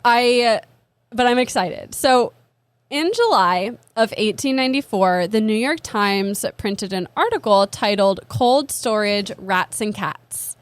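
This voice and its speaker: A woman's voice: mid-range voice, lively intonation, slow, no echo. A young woman co-hosting a podcast, telling an odd history story in a casual, self-deprecating way, full of "like". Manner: chatty, self-deprecating, lots of "like". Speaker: podcast co-host. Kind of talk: casual comedic history chat.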